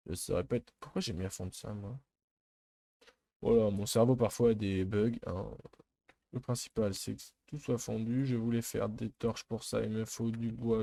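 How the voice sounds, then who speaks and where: A man's voice: medium pitch, a little mellow, no room sound. A man giving chatty, rambling commentary while playing a modded block-building game, with lots of hesitant fillers. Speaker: gaming youtuber. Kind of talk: casual let's play commentary.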